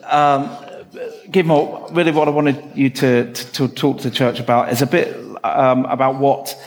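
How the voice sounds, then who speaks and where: A man's voice: mid-range voice, little pitch movement, normal speed. A man leading a church service, interviewing a guest, who often stumbles and repeats words as he forms his questions. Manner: hesitant, repeats words while forming questions. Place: church hall. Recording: reverberant hall with faint noise.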